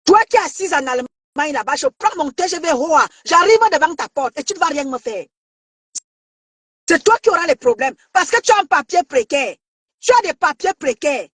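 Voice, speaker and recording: A woman from Cameroon ranting to her online followers, confrontational, shouting and taunting, stammering and repeating herself. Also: high voice, animated, normal speed, no echo. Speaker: social media commentator. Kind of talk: heated live rant.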